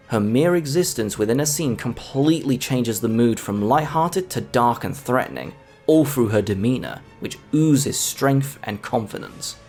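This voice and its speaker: A male video essayist walks through a film review in scripted commentary, his medium-pitched voice lively and varied in intonation. Music plays faintly underneath him.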